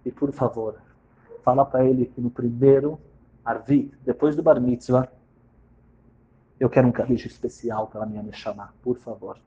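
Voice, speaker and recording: A man preaching a sermon, telling a parable theatrically, from hushed to loud. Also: medium pitch, fairly even intonation, moderate pace, long pauses, lo-fi sound.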